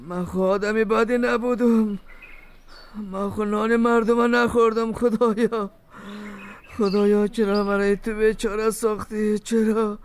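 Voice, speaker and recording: A man's voice: sits high, little pitch movement, smooth, lightly acted. An actor with an Afghan Dari accent playing a sick, bedridden father who weeps and begs forgiveness, in an audio drama. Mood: mournful. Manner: pleading, weeping, grateful.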